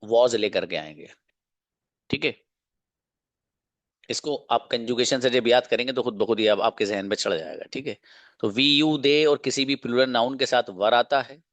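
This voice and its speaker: A man's voice: medium pitch, a bit bright, no echo. Man teaching a grammar lesson, dry sound. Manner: slow, drilled repetition of example sentences; asks the class rhetorical check questions. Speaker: English teacher.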